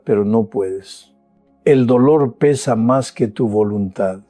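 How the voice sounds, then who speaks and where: An older male pastor delivers a sermon in an unhurried, deliberate cadence, leaning on long pauses and swells of emphasis. His tone is dark and mellow. The voice sits close and dry, with soft music underneath. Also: mid-range voice, no echo. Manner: slow, measured preaching with dramatic pauses and rising emotional emphasis.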